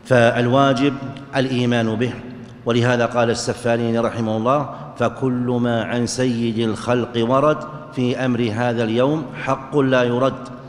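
A man giving a religious lesson, explaining texts in a measured, explanatory way and chanting the verses he quotes. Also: medium pitch, level tone. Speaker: religious teacher. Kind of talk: explaining hadith in a lecture. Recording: echoey hall with long reverb.

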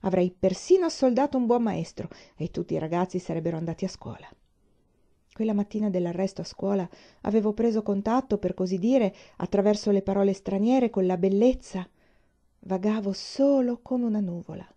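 A woman reading a novel aloud in a steady, measured way. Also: mid-range voice. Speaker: audiobook reader.

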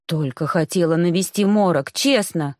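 A woman reading an audiobook, voicing a frightened young witch in a large man's body, speaking low, pleading and apologetic. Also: normal speed, no room sound, clean studio sound, lightly acted. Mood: flustered.

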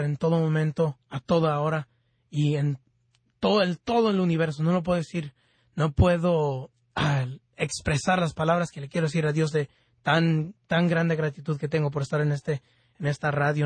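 Higher-voiced man praying on the radio. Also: fairly even intonation, a little mellow, no room sound. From born in Mexico, raised in the United States. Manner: halting, often stumbles and restarts words. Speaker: religious radio host. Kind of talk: prayer and devotional radio talk. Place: radio studio.

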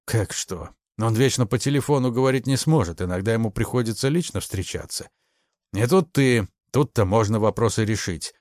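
A man's voice: on the low side, animated, darkish tone, dry recording, clean studio sound, close to an everyday voice. A man voicing a scheming, persuasive man who bargains and tempts a rival. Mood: wheedling. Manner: persuasive, slow, wheedling. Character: scheming, wheedling middle-aged man.

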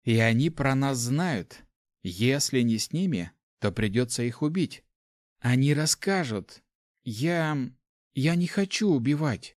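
A man voicing a calm young woman mage in an audiobook, soft and measured. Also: medium pitch, dry recording, studio quality. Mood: firm. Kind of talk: audiobook character voice.

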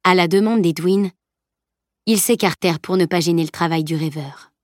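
A woman's voice: fairly low pitch, normal speed, dry recording. Woman narrating an audiobook, dry.

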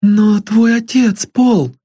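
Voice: medium pitch, takes it slowly, warm tone, husky, pitched above the performer's own voice. A reader voicing a poor, tearful, loving young woman in an audiobook. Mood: tearful, eager. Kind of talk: audiobook reading.

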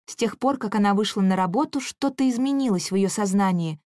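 Calm woman narrator, first-person story, dry close sound. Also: medium pitch, a little fast, dry recording.

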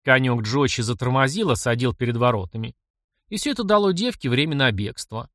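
Guy reading a dark fantasy audiobook, lively expressive voice, dry close sound. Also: mid-range voice, a little fast, no echo. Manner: expressive storytelling. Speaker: audiobook narrator. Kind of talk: dramatic audiobook narration.

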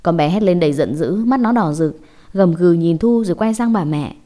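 A woman telling a scripted horror story in a measured, dramatic way. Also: on the low side, animated, mellow.

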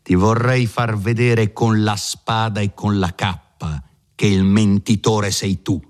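A man voicing an arrogant noble gentleman who speaks in a haughty, commanding, contemptuous way. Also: fairly low pitch, fairly even intonation, slow pace, pitched above the performer's own voice. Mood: haughty, scornful.

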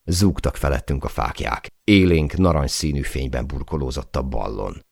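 Deep, gravelly male narrator for a dramatic adventure audiobook, close dry studio mic. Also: dry recording. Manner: dramatic reading, shouting out the quoted cries.

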